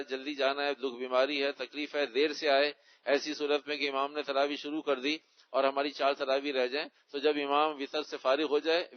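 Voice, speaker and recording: A man, an Islamic scholar, answering audience questions in a religious Q&A lecture, explaining rulings and repeating key words for emphasis. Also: a little high. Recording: dull lo-fi recording.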